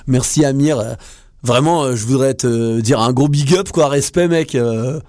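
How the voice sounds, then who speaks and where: A man's voice: mid-range voice, measured pace, darkish tone, dry recording. Radio co-host guy, jokey and slangy, lots of euh, dry studio sound. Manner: joking, slangy, hesitant with many fillers. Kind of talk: casual radio chat.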